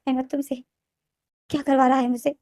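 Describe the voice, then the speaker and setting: A woman's voice: high-pitched, little pitch movement, a little fast, mellow, no echo, studio quality, lightly acted. A woman voicing a hurt, tearful young man in a storybook retelling, speaking in pleading, self-blaming outbursts.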